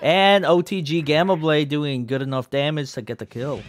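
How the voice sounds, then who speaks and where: A man giving live play-by-play commentary on a fighting game tournament, calling moves quickly with bursts of excitement. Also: on the high side. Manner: fast play-by-play, bursts of excitement at big moments.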